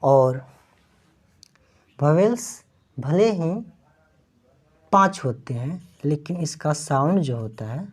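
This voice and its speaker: Slow, low-voiced woman teaching step by step. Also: expressive, darkish tone, slightly rough. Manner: keeps asking questions back to students and repeating answers. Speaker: English teacher. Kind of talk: classroom lesson explaining letter sounds.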